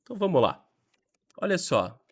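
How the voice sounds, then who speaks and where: Man, Brazilian Portuguese accent, English teacher, slow repeated drills, bouncy lively intonation. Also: high voice, slightly rough. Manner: animated, switches between slow drilled English and quick Portuguese explanations. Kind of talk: lively online grammar lesson.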